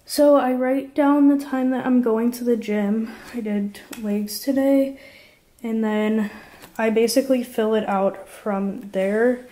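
Indoors in her apartment living room, a twenty-something vlogger preparing for the medical school entrance exam talks casually to the camera. Her slightly high voice is slow, steady, and mellow, and she peppers her chat with "like" and "um."

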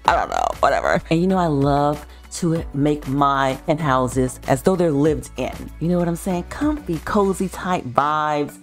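Woman vlogger, low voice with big swings, over soft background music. Excitable, gushing tour host who talks straight to her viewers. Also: moderate pace, few pauses. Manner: gushing, excitable, repeats herself for emphasis. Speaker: vlogger giving a virtual home tour. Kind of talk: casual chatty tour narration.

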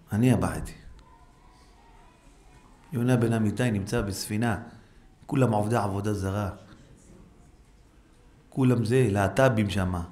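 A rabbi giving an animated Torah lesson, exhorting his listeners with repeated rhetorical questions and acting out quoted voices. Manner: animated, acts out quoted voices with sharp pitch jumps. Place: synagogue hall. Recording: faint background noise, live stream.

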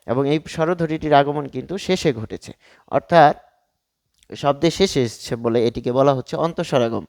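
A male teacher giving a Bengali grammar lesson, explaining step by step with frequent pauses and fillers. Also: on the high side, a little mellow, no echo.

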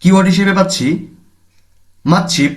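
Bangladeshi guy teaching a lesson, voice a bit on the high side, repeats words and quizzes himself. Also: brisk. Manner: explains each word in Bengali, repeats terms, asks and answers his own questions. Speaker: Korean language teacher. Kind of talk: recorded language lesson.

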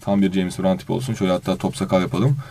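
A man's voice: low-pitched, very fast, gravelly, slight background noise. A man teaching an exam review lesson, reading out English phrases and translating each one while fondly addressing his student. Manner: animated intonation.

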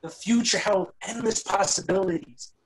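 A young man acting Solomon, a calm, earnest young peacemaker who talks of visions, in an amateur videoplay recorded over a video call. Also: sits high, normal speed, poor audio. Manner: earnest, gentle and reflective.

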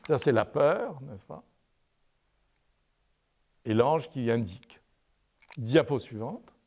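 A man's voice: medium pitch, lively intonation, slow, darkish tone. Man lecturing, peppered with "n'est-ce pas". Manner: tells a story and asks "n'est-ce pas?" over and over; hesitant, with many "euh" and restarts. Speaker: lecturer in artistic anatomy. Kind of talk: university lecture with slides. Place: lecture room, commenting on projected slides.

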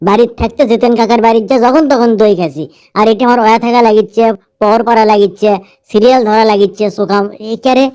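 Comedy dub: male actor as greedy, whiny young soldier, high voice, muttering and exclaiming in a Bogura accent. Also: fairly even intonation, fast, darkish tone, smooth, close to an everyday voice. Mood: grumbling. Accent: Bogura, northern Bangladesh. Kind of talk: comedy dubbing in dialect.

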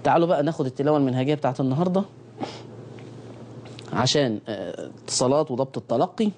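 A middle-aged man with an Egyptian Arabic accent giving a televised Quran recitation lesson, repeating key phrases and slowly sounding out letters for viewers to copy. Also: medium pitch, lively intonation, darkish tone, slight background noise.

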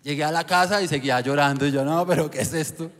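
A young man telling his conversion testimony on a church panel, earnest and halting, often restarting his words. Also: on the high side. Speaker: panel guest giving testimony. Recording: echoey church hall.

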